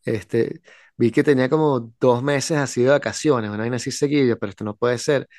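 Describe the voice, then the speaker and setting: A man's voice: medium pitch, brisk, a little mellow, no echo, clean studio sound. A young man venting in casual chat, rambling and full of slang.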